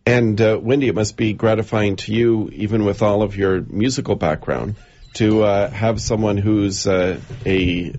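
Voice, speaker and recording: A man hosting a radio interview, speaking haltingly with many fillers. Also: on the low side, a little mellow, dull audio.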